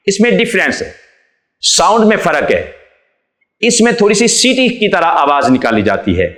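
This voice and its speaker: Man, patient teacher, slightly high voice, echoey room, children's letter-reading lesson. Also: a bit bright. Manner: patient, explains each letter then draws it out slowly.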